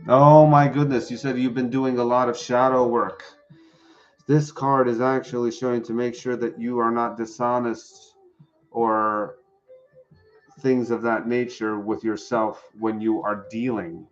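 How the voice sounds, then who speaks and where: A man's voice: mid-range voice, little pitch movement, a little slow, highs cut off, soft background music. A man doing a live-streamed tarot reading, chatting with viewers and answering the chat. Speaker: tarot reader.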